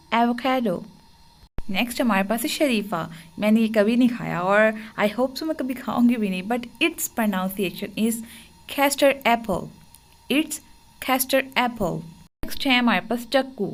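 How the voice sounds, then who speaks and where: A woman teaching in a casual spoken lesson, saying each word slowly and repeating it as a drill. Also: fairly high pitch, a little mellow. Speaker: English teacher.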